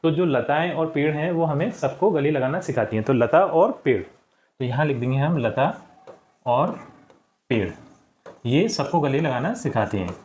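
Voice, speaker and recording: A man with a fairly high voice teaches a school lesson to young children. He talks patiently, checks in with them often and says words slowly a second time so they can follow. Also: expressive, a little mellow, slight background noise. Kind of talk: school lesson, explaining textbook answers.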